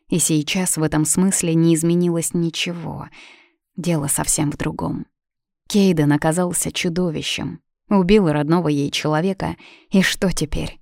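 A woman narrating a fairy tale in a calm, even storytelling manner. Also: low-pitched, creaky, dry recording, studio quality.

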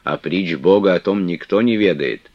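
A man's voice: deep voice, normal speed, voice pushed up. A man reading the part of a stern but loving elderly abbess in solemn, archaic speech. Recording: dull, dry lo-fi recording.

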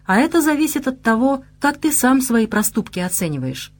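An old male bear, a Cossack chieftain, lectures in a stern and weighty way, as a woman narrator puts him on. He sounds sure of his wisdom and keeps his speech measured. The audiobook reading stays clear and plain. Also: high voice, big pitch swings, pitched above the performer's own voice. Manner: instructive, grave.

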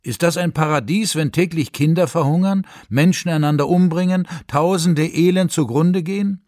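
A man's voice: on the high side, lively intonation, slow, a little mellow, dry recording, clean studio sound, pitched above the performer's own voice. A man voicing an ordinary man who questions God in his dream, raised and agitated, read for radio. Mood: indignant. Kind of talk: story reading for radio.

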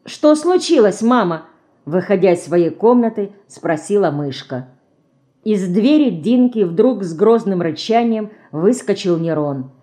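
A woman narrating an audiobook with an even storytelling delivery. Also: mid-range voice, unhurried. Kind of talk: scripted narration.

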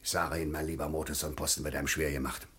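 An actor playing a pompous, bullying village official in a 1950s radio drama, bossy and self-important. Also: male voice, fairly high pitch, sing-song, fairly quick, a bit bright. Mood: self-pitying.

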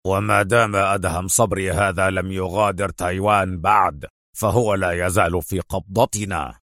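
A man voicing a bitter, furious villainous general in a spoken story, with slow, seething, drawn-out words. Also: fairly low pitch, no room sound, clean studio sound, lightly acted.

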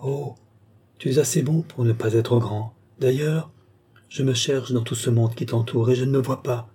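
Un homme lisant un roman prête sa voix à une jeune femme passionnée et mélancolique, au ton bas et implorant. La voix est feutrée, un peu rauque, avec une diction soignée de livre audio. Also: male voice, medium pitch, fairly even intonation, moderate pace, mellow, breathy edge, lightly acted. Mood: entranced. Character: young woman, tender, entranced and sorrowful.

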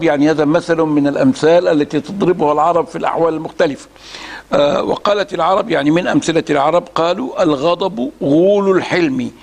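Gravelly Egyptian scholar, measured delivery. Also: male voice, fairly high pitch. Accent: Egyptian Arabic. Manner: measured and deliberate, with frequent drawn-out hesitation sounds. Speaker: religious scholar giving a reading series. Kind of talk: lecture reading and commenting on a classical text.

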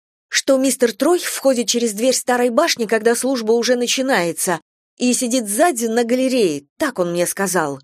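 A woman's voice: fairly high pitch, normal speed, no room sound, studio quality, pitched above the performer's own voice, lightly acted. A woman voicing a proud, hot-tempered young farm mistress who speaks heatedly in a radio play. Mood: earnest defensive. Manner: heated, insistent.

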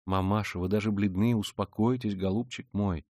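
A man voicing a composed young woman who speaks softly and firmly, reassuring her mother. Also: on the low side, animated, moderate pace, no room sound, clean studio sound. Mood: gentle.

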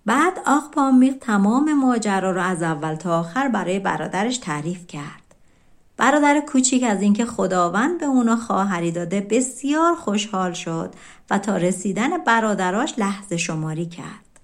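A woman narrating an audiobook of folk tales in a calm, colloquial storytelling manner. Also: medium pitch.

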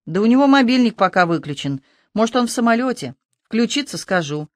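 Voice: mid-range voice, sing-song, brisk, dry recording, voice pushed up, natural voice. A reader voicing a cheeky young man who jokes with his worried mother in a teasing, breezy way.

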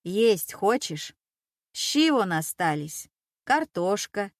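A woman's voice: mid-range voice, very animated, slow, no room sound, clean studio sound. A woman reading a stern, bitter elderly grandmother in an audiobook, speaking bluntly and reproachfully. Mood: gruff. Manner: gruff, reproachful, plain-spoken. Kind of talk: audiobook character voice.

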